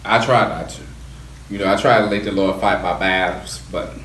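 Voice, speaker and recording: A man co-hosting a casual food vlog, talking in relaxed, slangy chat. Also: deep voice, normal speed. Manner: laid-back, animated, colloquial slang. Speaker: YouTube vlog co-host. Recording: echoey room, faint background noise.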